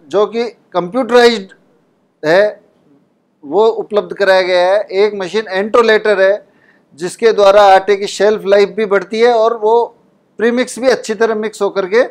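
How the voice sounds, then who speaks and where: A man who runs a flour mill speaking earnestly in an interview. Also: high-pitched.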